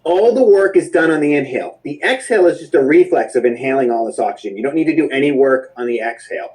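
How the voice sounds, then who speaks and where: A man's voice: a little high, fast, a little mellow, poor audio. A man leading a breath work class, giving casual, blunt instructions with jokes and the odd swear word.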